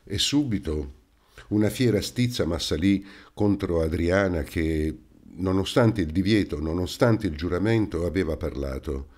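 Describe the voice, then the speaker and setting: Narrator: man, very low voice, measured dramatic audiobook reading. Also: a little mellow. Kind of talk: scripted narration.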